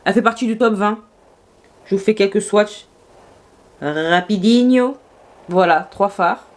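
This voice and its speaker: A woman's voice: mid-range voice, steady tone, normal speed. A woman vlogging casually about her makeup, gushing and exclamatory in a chatty way. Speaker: beauty vlogger.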